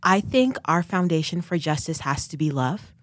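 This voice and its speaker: Woman, very low voice, earnest, thoughtful, faith podcast, dry sound. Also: animated, moderate pace, dry recording. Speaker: podcast co-host. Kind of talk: casual faith discussion.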